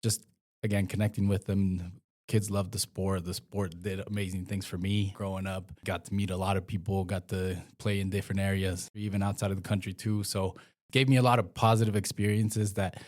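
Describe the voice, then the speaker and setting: A young Mexican man with a fairly low voice, pitched below most men's, chats in a relaxed interview. A community health worker and former professional soccer player, he speaks hesitantly, with plenty of "uh"s and restarts.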